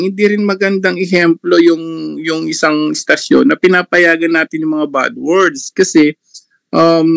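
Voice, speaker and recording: A man's voice: sits high, vocal fry, a bit bright, no room sound. A man commenting on a religious debate on an online live panel, mocking and laughing often between remarks.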